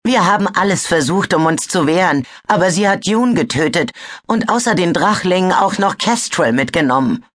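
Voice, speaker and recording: A woman's voice: on the low side, animated, normal speed, a bit bright, voice pushed up. A woman voicing a nervous, stammering male dragon in a storybook reading. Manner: stammering, hesitant.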